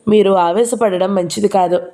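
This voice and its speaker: Woman narrator doing a steady gentle husband, soothing and careful, mellow tone. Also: medium pitch, moderate pace, natural voice. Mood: calm. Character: calm, careful husband breaking bad news.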